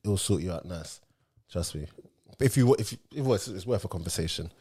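Deep-voiced London roadman podcast host. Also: animated, brisk, dark tone, breathy edge. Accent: London roadman, multicultural urban London. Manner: emphatic, encouraging, repeats himself. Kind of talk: casual slangy chat.

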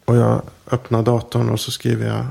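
A man, an author, talking in a relaxed interview and telling an anecdote in a reflective way. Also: medium pitch, vocal fry. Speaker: author guest. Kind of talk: casual interview talk.

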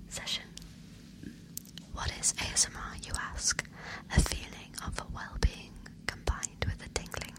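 Woman in whispered role-play. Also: poor audio. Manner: soft, breathy whispering. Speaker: podcast host.

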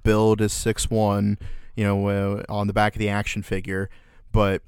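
A man's voice: fairly low pitch, clean tone, no echo, clean studio sound. A man co-hosting a casual comedic podcast, rambling sardonically and swearing freely. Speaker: podcast co-host.

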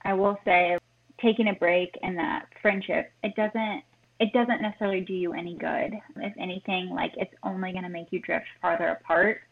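A woman's voice: on the low side, fairly even intonation, normal speed, vocal fry. A woman guest in a casual chat, speaking earnestly and giving direct advice. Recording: tinny phone line.

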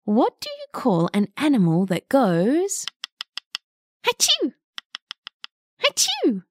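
A woman voicing a cheeky, curious young female woodpecker with a bright, eager, lifted voice in a children's story. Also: medium pitch, huge pitch swings, a little slow, no room sound, studio quality.

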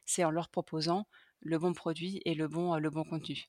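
A woman's voice: low-pitched, flat delivery, brisk, darkish tone, no room sound, studio quality. Hesitant woman guest on a podcast. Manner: hesitant, frequent fillers. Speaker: guest, sales manager. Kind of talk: casual podcast interview.

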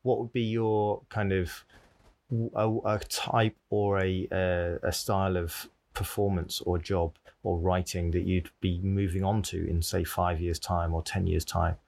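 Gravelly-voiced man hosting a podcast. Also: sits low, little pitch movement, unhurried, darkish tone. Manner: rambling, self-deprecating storyteller. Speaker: podcast host. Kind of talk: casual interview chat.

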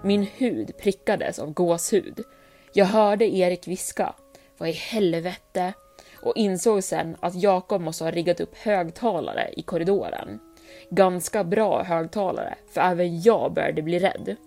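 A woman podcast host reading scary stories aloud in the first person, calm and even. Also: fairly low pitch, gravelly, soft background music. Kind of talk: scripted storytelling narration.

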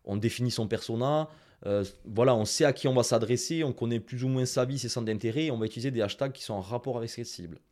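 Southern French man giving brisk advice. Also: mid-range voice. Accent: Toulouse (southern French). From Toulouse, France. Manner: direct, lively advice-giving, speaks straight to listeners. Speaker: guest, Instagram marketing expert. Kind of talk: casual podcast interview.

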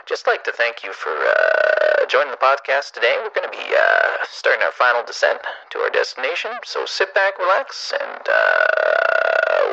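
A man putting on an airline first officer's formal cockpit announcement, loud and muffled like a cabin speaker. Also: medium pitch, vocal fry, breathy edge, heavily acted. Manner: loud, formal announcer delivery with drawn-out fillers. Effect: muffled cabin-PA style sound. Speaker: pilot, former radio presenter.

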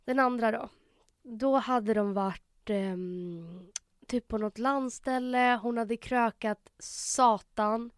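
A woman's voice: on the high side, smooth, no echo, studio quality. A young Swedish-speaking woman co-hosting a podcast, telling a story animatedly in casual chat and acting out the quotes. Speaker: podcast co-host.

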